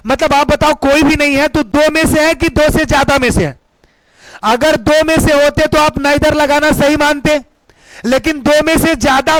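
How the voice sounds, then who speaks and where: A man's voice: very high-pitched, no echo, low-quality recording. A man teaching English grammar for exams, emphatic and repetitive, often asking the students questions and calling them beta. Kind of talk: exam-prep lesson.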